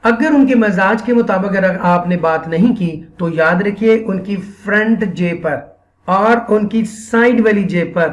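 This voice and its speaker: Speaking in a high voice with a Pakistani accent, a man gives a sincere training talk aimed at Quran teachers. His instructional delivery circles back on repeated phrases and mixes in English.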